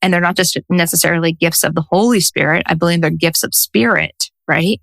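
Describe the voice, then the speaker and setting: Guest, woman, 40s, social worker turned coach; lively storyteller, lowish pitch, dry mic. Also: a little fast, vocal fry, no room sound. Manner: animated storyteller who acts out quotes. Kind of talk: casual interview conversation.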